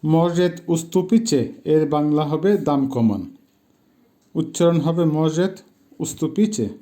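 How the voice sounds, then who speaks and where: Man in his fifties, from Bangladesh, language teacher, very slow, patient repetition, deep mellow tone. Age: 50s. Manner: patient, repeats each word slowly for pronunciation. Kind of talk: slow, careful language lesson.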